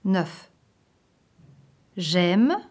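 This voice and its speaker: A woman teaching a vocabulary lesson, saying each short phrase slowly and distinctly so learners can repeat it. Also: lowish voice, expressive, darkish tone. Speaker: language teacher. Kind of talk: slow, clearly spoken vocabulary lesson.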